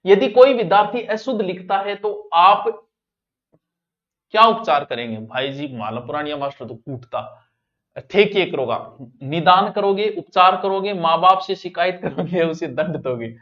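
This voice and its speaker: A male teacher runs an exam-prep class, chatting straight to his students. His voice sits high, and he repeats the key words for emphasis. The recording sounds muffled and lo-fi. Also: lively intonation, moderate pace, a bit bright.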